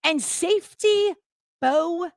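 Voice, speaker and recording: A woman with a strikingly high voice rants through a solo sports recap, swearing freely and sounding fed up. Her voice is recorded close and dry, with no room sound behind it. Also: slow, no room sound. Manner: heated, swearing, exasperated ranting. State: angry. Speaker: sports podcast host.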